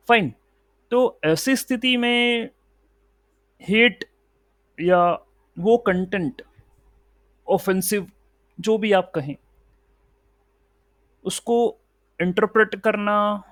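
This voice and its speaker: A man's voice: sits high, dry recording. A man teaching a recorded coding tutorial, explaining step by step and checking in often with a short "okay" or "right". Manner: explains step by step, mixing Hindi and English. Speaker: instructor.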